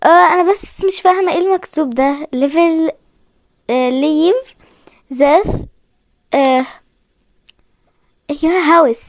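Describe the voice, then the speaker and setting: A woman's voice: sits high, moderate pace, pauses often, no room sound, clean studio sound. A young woman with an Egyptian accent, chatting to viewers as she plays a horror game and keeps saying how scared she is. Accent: Egyptian Arabic. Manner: chatty, talks to viewers while playing, often frightened. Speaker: gaming video host. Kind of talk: casual game commentary.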